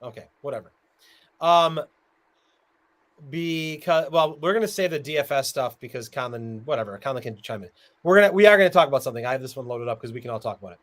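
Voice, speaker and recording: A man's voice: mid-range voice, quick pace. A man hosting a casual sports podcast, teasing his co-host and steering the talk to the next topic.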